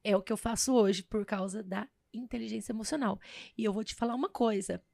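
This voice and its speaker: A woman's voice: medium pitch, a little fast, creaky, dry recording, clean studio sound. A woman from the São Paulo state interior, a guest in an interview, telling personal stories and acting out the dialogue she quotes. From Presidente Prudente, São Paulo state, Brazil. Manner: animated storyteller who acts out quoted dialogue. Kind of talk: personal storytelling in a casual interview.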